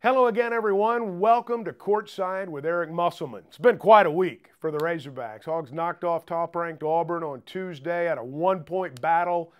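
A man in his sixties hosting a basketball show from courtside in an arena, speaking in a measured broadcaster's way on a lapel mic. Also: fairly high pitch, clear, resonant tone. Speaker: host and play-by-play announcer.

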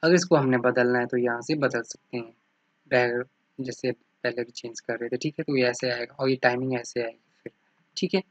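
Male computer teacher, mid-pitched, walks through screen settings step by step, checks in with "ठीक है" constantly, dry dull recording. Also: steady tone, normal speed, dry recording. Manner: repeats "ठीक है" after nearly every point; points things out on screen with "ये देखो". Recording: dry, slightly dull lo-fi mic.

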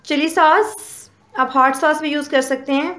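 High-voiced woman narrating her cooking. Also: normal speed, slight background noise. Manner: step-by-step explaining, calm and homely. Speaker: cooking channel host. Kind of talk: casual cooking voice-over. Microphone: voice-over.

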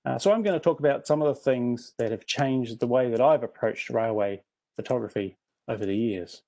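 A man's voice: medium pitch, brisk, darkish tone. A middle-aged man with a New Zealand accent, giving a prepared presentation with dry, self-deprecating humour.

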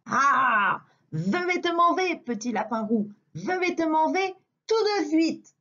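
A woman's voice: extremely high pitch, lively intonation, slow pace, pitched above the performer's own voice, exaggerated voice. A woman voicing a hungry, blustering big bad wolf who roars threats and turns meek. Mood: threatening. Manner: shouting threats, then meekly pleading. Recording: dull lo-fi recording.

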